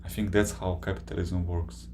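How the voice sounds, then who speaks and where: A man casually chatting on a live stream, reading out viewer questions and reacting, with halting pauses. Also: low voice, flat delivery, noisy background. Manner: slow, halting, many filler pauses.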